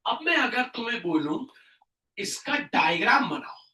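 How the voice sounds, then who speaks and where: A man tutoring a class, quizzing and answering himself with sudden loud emphasis. His tone is bright and sharp. The voice bounces around an echoey room, picked up from a distance. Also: high voice, sing-song, moderate pace. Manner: asks questions and answers them himself, loud bursts of emphasis; mixes English science terms into Hindi. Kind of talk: classroom chemistry lesson.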